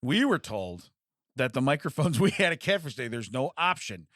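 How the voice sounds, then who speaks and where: A man's voice: mid-range voice, very animated, normal speed, fairly bright tone, dry recording, studio quality. A man co-hosting a podcast in casual banter, joking and laughing often, with stammering restarts. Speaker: podcast co-host.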